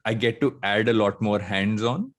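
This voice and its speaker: A man from coastal Andhra Pradesh, speaking reflectively as a podcast guest and pausing mid-thought. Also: fairly low pitch. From coastal Andhra Pradesh, India. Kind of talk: reflective conversational interview.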